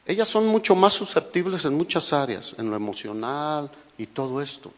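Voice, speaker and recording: A pastor with a Mexican Spanish accent preaches a sermon, emphatic and packed with rhetorical questions for his listeners. His fairly high voice swings widely in pitch at a normal speed, and the recording echoes as if in a hall.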